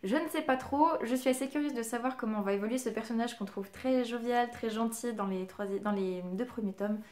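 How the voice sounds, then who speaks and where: A woman's voice: fairly high pitch, fairly quick, a little mellow. Chatty woman presenting her book haul. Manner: chatty, frequent hesitations and fillers; enthusiastic, giggly. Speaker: book vlogger. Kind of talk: casual book haul chat.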